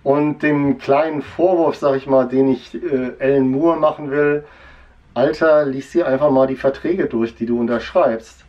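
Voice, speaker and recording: A man's voice: medium pitch, steady tone, measured pace, recorded from a distance, dull audio. A man in his forties chatting casually in a comic shop, rambling with many fillers and restarts. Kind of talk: casual chat.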